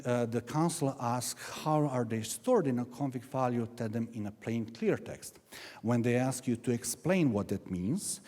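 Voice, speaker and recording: A man's voice: fairly low pitch, mellow. A man with a Serbian accent giving a sarcastic, mocking conference talk, often cutting himself off to correct a word. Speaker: conference speaker. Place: conference hall. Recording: long hall reverb.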